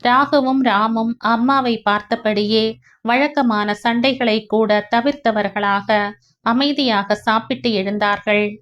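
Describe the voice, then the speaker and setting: A woman narrating a family story aloud in a slow, emotional reading style. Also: a little high. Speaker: audiobook narrator. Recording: dull lo-fi recording.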